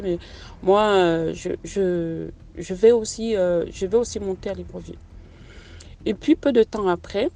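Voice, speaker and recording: A middle-aged woman with a warm, mid-range voice shares a personal testimony in a casual, spoken way. She tells her story hesitantly and conversationally, with many fillers and restarts.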